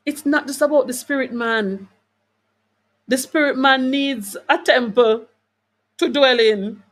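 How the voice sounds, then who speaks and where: Speaking slowly in a high voice, a woman hosts a wellness session streamed live, reading viewer comments as she goes. She's emphatic and almost preacher-like, repeating phrases to drive points home and posing rhetorical questions to her listeners in a chatty manner.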